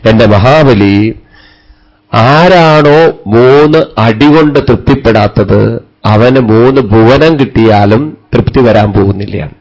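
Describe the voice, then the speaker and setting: A man voicing a wise boy-god who speaks in a slow, measured way, in a dull lo-fi recording. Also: mid-range voice, a little mellow. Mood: gentle. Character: wise calm boy-god, gently reproving.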